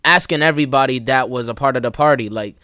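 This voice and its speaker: A young man hosts a loose, casual conversation, speaking bluntly and packing his talk with slang. His voice comes through smooth and resonant. The sound is dry and close, with no room around it. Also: mid-range voice, fast talker, bright, forceful tone, no room sound. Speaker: host. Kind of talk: casual podcast chat.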